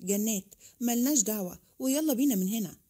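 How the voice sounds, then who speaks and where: A woman's voice: on the high side, lively intonation, quick pace, warm tone, slightly rough. A woman with an Egyptian accent voicing a strict middle-aged uncle, curt and commanding. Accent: Egyptian Arabic.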